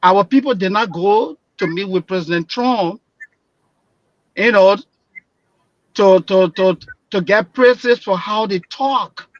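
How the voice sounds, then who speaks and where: A man's voice: sits high, slow pace, long pauses, no room sound. Impassioned Liberian man on a muffled line. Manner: impassioned, grows loud and emphatic. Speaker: panel guest. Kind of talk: radio panel commentary.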